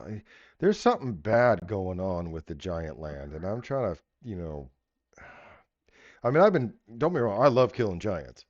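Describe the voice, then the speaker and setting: A gentle frost giant from a tabletop game, played by a man, big, simple and earnest. The voice is deep and booming and swings freely in pitch as it gropes for words in a plain, friendly way. The audio is dry and a little dull. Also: no room sound. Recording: slightly dull, muffled audio.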